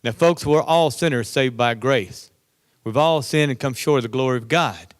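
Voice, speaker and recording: A man's voice: mid-range voice, moderate pace, dry recording. A man speaking at a political conference, telling stories from his work and acting out other people's words as he quotes them. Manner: storytelling, acts out other voices in quotes. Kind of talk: political speech with anecdotes. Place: conference hall.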